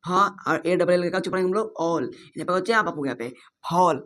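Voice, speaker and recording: A man's voice: high voice, expressive, fast, fairly bright tone. A man teaching English pronunciation in an online lesson. He keeps asking his own questions and then answering them, and often checks with "theek na". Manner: ends phrases with a checking "theek na".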